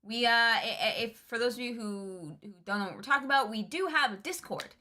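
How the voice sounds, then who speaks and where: A woman's voice: fairly high pitch, animated, a little fast, pushed and bright. A young woman co-hosting a casual livestream chat, talking in a chatty way with lots of fillers. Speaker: co-host.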